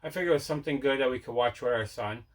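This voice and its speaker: Racing along in a mid-range voice, a collecting-channel host chats casually during an unboxing vlog. His talk is rambling and conversational, and he keeps correcting himself.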